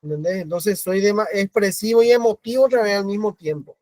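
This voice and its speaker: Paraguayan guy teaching over a video call, high voice, dry close sound, keeps asking the class stuff. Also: darkish tone, no room sound. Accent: Paraguayan Spanish. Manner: explains slowly, repeating himself and asking the class questions. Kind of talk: online class lecture.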